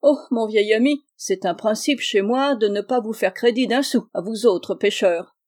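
A stingy shopkeeper with a sarcastic, sing-song way of talking, as a woman reader plays him. The voice is mellow and warm. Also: normal speed, natural voice. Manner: low, sing-song, mocking.

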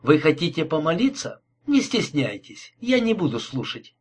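A man reading an audiobook, voicing a calm, politely mocking male killer with a husky voice. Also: fairly high pitch, moderate pace. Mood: cold menace. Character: cold courteous male killer, calm and menacing.

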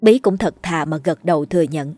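A woman reading a ghost story aloud as a storyteller, in a steady, measured way. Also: low voice, faint music behind. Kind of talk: scripted ghost story narration.

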